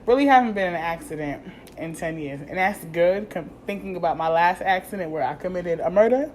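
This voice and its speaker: Low-voiced woman telling a profane story. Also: fairly quick, a little hiss or hum. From New York. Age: 30s. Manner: animated, profane, slangy, acts out quoted dialogue. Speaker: vlogger. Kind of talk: casual storytelling vlog.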